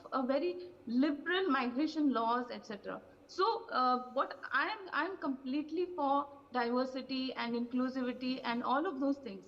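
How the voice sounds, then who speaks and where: Lady pundit on a news panel, lots of uhs, high voice, echoey muffled line. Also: a bit bright. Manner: measured, many fillers. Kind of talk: live news panel commentary.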